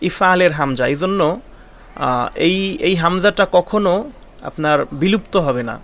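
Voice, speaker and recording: A man's voice: sits high, expressive, normal speed, fairly bright tone. A man with a slightly raised voice teaches Arabic grammar in an online class. He explains patiently, repeats each key term and asks rhetorical questions before answering them. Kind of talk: online lesson.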